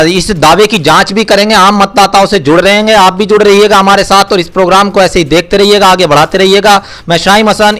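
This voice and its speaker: A male reporter conducting a local news interview and signing off to camera. His voice is notably high, and he hesitates with fillers between phrases. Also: a bit bright.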